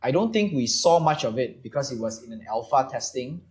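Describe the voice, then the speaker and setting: A man's voice: medium pitch, animated, fairly quick, a little mellow. A man from Malaysia hosting a casual panel chat, explaining at length with many fillers. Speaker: podcast host.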